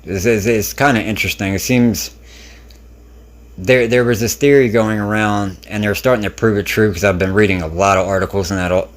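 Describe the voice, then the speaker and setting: A man's voice: lowish voice, fairly even intonation, fairly quick. A man hosting a video, giving casual commentary in an informal, rambling, speculative way. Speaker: video host.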